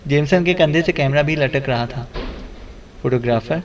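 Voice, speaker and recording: A man narrating a detective audiobook in a steady storytelling manner. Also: fairly high pitch, far from the mic, slight background noise. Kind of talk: scripted narration.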